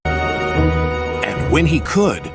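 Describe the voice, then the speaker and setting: A man narrates a children's train story in a scripted storybook style. His delivery swings widely in pitch as he voices each character. Loud music plays beneath him. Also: extremely slow. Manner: acts out the characters' lines with lively voices.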